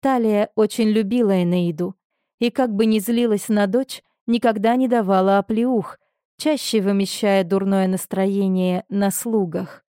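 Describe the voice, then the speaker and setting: A woman reads an audiobook in a measured, expressive narration. Her voice sits at a middle pitch. The recording is dry and close, with no room echo.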